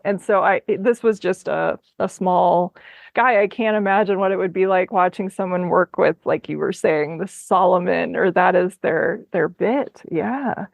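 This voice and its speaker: A woman's voice: mid-range voice, creaky, no echo, phone-quality sound. A woman hosting a podcast, chatting casually and telling a story with frequent laughs. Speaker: podcast host. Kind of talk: casual conversation.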